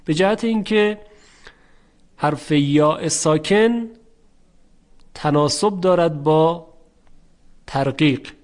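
A middle-aged man teaching tajweed, explaining the rules slowly and chanting the example words drawn out. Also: a little high. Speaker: Quran recitation teacher. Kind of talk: tajweed lesson.

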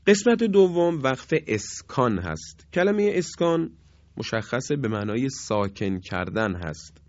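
A man teaching a Quran recitation lesson, drawing out each example word slowly in chant between plain explanations. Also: medium pitch, big pitch swings, dry recording, lo-fi sound. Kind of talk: recorded tajweed lesson.

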